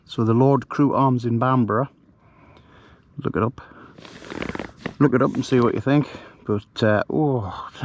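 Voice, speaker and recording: Hushed man telling a ghost story. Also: mid-range voice, no echo. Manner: hushed, rambling, with many fillers. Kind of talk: casual storytelling to camera. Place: outdoors at night, camping.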